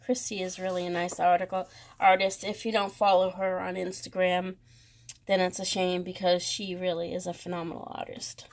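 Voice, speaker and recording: A woman with a Boston accent, talking slowly through a tarot deck comparison with many pauses and fond praise. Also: fairly low pitch, little pitch movement. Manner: slow, hesitant, lots of ums, gushing. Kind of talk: casual deck walkthrough.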